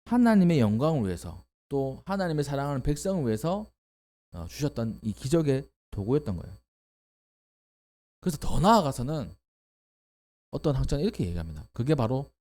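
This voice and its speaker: A male pastor delivering a sermon in an expressive, emphatic way, often rising into exclamations. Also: mid-range voice, fairly quick.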